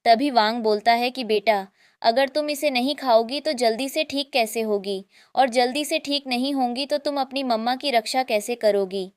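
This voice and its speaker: A woman's voice: on the high side, smooth, no echo, clean studio sound. Woman narrating a drama recap. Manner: steady retelling, reports dialogue without acting it. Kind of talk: scripted story recap narration.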